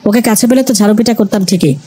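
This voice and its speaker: A woman's voice: very fast, dark tone, close to an everyday voice. A woman voicing a bossy middle-aged mother who scolds sharply. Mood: scolding. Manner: shrill, scolding.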